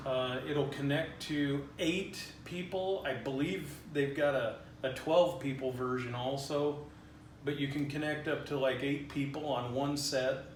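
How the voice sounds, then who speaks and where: A hobbyist presenter demonstrates a DIY headset build in a roomy garage, talking through a casual, unscripted how-to in plain, colloquial language. His voice is medium-pitched and steady, and he never hurries. The distant mic picks up a roomy echo and faint noise.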